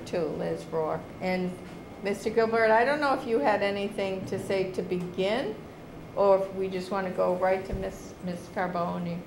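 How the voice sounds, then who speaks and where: A woman chairing a town board meeting, reading a public notice into the record in a brisk, friendly way, recorded in a meeting room. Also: medium pitch. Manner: brisk, friendly, reads formally. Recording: roomy hall with steady noise.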